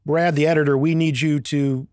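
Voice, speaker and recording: A man's voice: fairly high pitch, level tone, normal speed, darkish tone, clear, resonant tone, dry recording, clean studio sound. A man hosting an interview, asking long, rambling questions with light jokes. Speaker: interview host. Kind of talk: casual interview.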